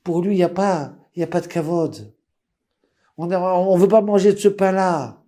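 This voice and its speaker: Rabbi guy preaching, tells stories, acts out voices, kinda high but warm voice, swings loud to hushed. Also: normal speed. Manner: animated storyteller, acts out voices. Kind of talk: storytelling sermon.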